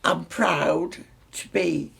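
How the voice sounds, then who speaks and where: Very old, creaky Northern English woman. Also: sits low, drawn-out words, fairly bright tone. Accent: mixed Northern English, Lancashire. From Salford, north of England. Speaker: interview guest. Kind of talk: reminiscing life story in conversation.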